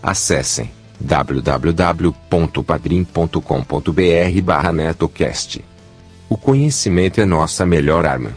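Deep synthetic Brazilian male newsreader, husky. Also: expressive, unhurried, faint music behind. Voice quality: old-style speech synthesizer voice, synthetic. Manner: mechanical, evenly read announcements. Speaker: podcast news bulletin announcer. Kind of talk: scripted news narration.

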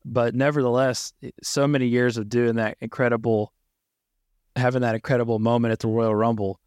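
A man's voice: mid-range voice, level tone, a little fast, darkish tone, clean tone, dry recording, clean studio sound. Enthusiastic male podcast co-host. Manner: enthusiastic, reads out title history. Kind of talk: casual podcast chat.

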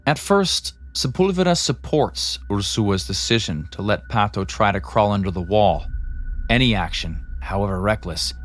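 A man giving scripted, dramatic narration of a true story in a measured, tense storytelling manner. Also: fairly low pitch, lively intonation. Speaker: podcast narrator.

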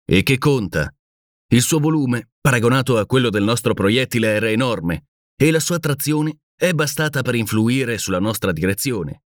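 A man voicing a grave, methodical male leader in an audiobook, speaking in a slow, serious, convinced way. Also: mid-range voice, lively intonation, no echo, studio quality, close to an everyday voice.

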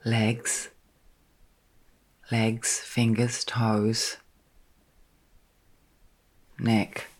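In a guided sleep meditation, a woman speaks at an extremely low pitch and in a monotone. Her voice is soft, breathy, and partly whispered, gently calming, and she pauses at length between short phrases.

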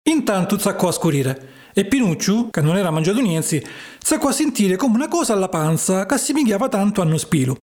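A man's voice: high voice, sing-song, a little fast, darkish tone, soft background music. A man narrating a children's tale expressively. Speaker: storyteller. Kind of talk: storybook narration.

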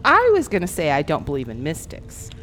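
A woman's voice: low voice, wildly swooping pitch, a little fast, fairly bright tone, faint music behind, heavily acted. A woman playing a defiant, sardonic thief heroine in an audio drama, wry and challenging. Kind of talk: dramatic audio fiction acting.

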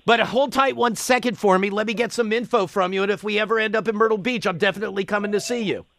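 A man hosting a casual call-in chat, asking questions in an excitable, teasing way. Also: high voice, fast talker, a little hiss or hum. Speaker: talk show host.

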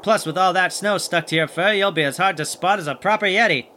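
A man's voice: sits high, fast talker, slight background noise. A man playing a plucky, kindhearted, wisecracking monster hunter who narrates and acts in a children's audio adventure with folksy exclamations. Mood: friendly. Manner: folksy exclamations, animated chatter to sidekick.

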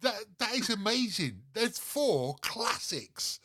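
A man's voice: sits high, sing-song, takes it slowly, bright, forceful tone, a little hiss or hum. A man hosting a radio phone-in, chatting casually with callers and laughing easily. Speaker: radio show host.

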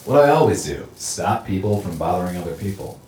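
A man's voice: low voice, animated, brisk, darkish tone. A man playing a laid-back, bodiless, staticky figure who talks in casual slang. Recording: roomy echo with faint hiss.

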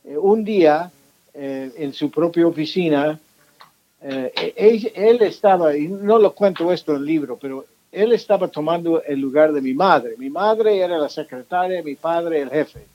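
A man being interviewed about his book, talking slowly through many fillers and restarts. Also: on the high side, dull audio. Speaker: author and pastor guest. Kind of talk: interview conversation.

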